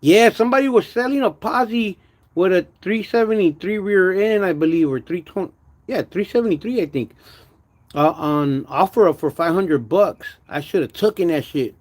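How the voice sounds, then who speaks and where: A man with a slurred, wet lisp from missing front teeth, chatting casually and haltingly in slangy speech as a car vlogger. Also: sits high, animated, a little mellow. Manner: halting, stammered repetitions with pauses to manage saliva; slangy, uses "homie" and "dog", drops in Spanish words. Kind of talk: casual livestream chat about car work.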